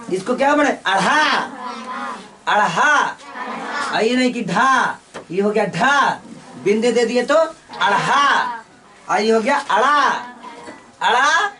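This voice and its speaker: A woman teaching a lesson. She asks each question, then answers it herself in slow, repeating drills. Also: fairly high pitch, a bit bright, far from the mic, a little hiss or hum. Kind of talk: classroom lesson with call-and-response drills.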